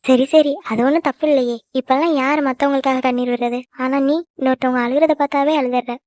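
A woman voicing a tender, emotional middle-aged mother in a cartoon, talking quickly and fondly. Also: high-pitched, fairly even intonation, darkish tone, no echo, close to an everyday voice. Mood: tearful. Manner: affectionate, quick, tearful at times. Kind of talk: cartoon voice acting. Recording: dry, dull lo-fi recording.

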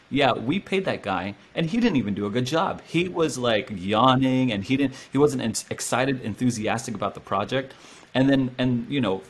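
A man's voice: medium pitch, husky. A young man hosting a casual interview from a small room at home, talking animatedly into the camera. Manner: animated, gestures a lot, speaks to camera. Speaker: host.

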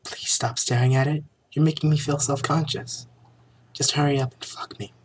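Man putting on an anxious, hammy high-pitched woman. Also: fairly even intonation, moderate pace, natural voice. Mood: embarrassed, impatient. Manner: hammy, overwrought pleading. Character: anxious, lovestruck young woman in melodramatic romance. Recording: noticeable background noise.

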